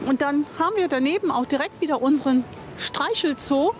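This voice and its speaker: Outdoors at a campsite playground, a chatty older woman vlogger gives casual on-camera tour commentary, enthusiastic and prone to thinking aloud and correcting herself. Her voice sits high and runs a little fast, over a slight hiss or hum.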